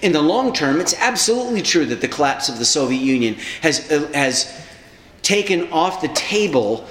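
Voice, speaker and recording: Here a socialist activist talks about organizing he did years ago, telling it conversationally at normal speed in a slightly high voice. Animated throughout, he acts out people he encountered, while the echoey space adds faint ambience.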